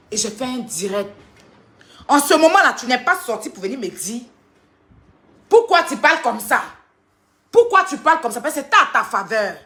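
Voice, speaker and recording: A woman, ranting heatedly and defensively on a livestream, retelling a quarrel in a rapid flow. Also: sits high, bright, forceful tone. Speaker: social media personality. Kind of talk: livestream rant addressing critics.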